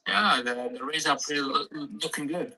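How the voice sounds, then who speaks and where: A man guest on a breaking-up video call, chatting casually in short, halting replies. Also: a little high, pushed and bright, low-quality recording. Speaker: guest truck driver. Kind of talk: casual chat.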